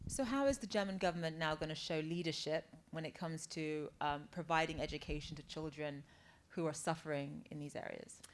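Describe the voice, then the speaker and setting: A woman's voice: low-pitched, a little fast, hardly any pauses. A woman hosting and moderating a panel, upbeat, with short hesitations. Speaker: event host.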